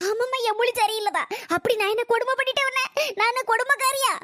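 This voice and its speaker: A woman's voice: extremely high pitch, steady tone, fast, sharp tone, no room sound, clean studio sound. A woman acting as a nagging, self-pitying old mother-in-law in a comedy skit, speaking in a sarcastic, complaining manner. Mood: indignant.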